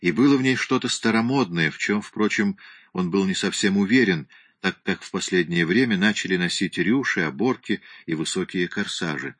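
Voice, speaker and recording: A man reading a novel aloud as an audiobook narrator in a measured, even storytelling manner. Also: low-pitched, slightly rough, no echo. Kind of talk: scripted narration.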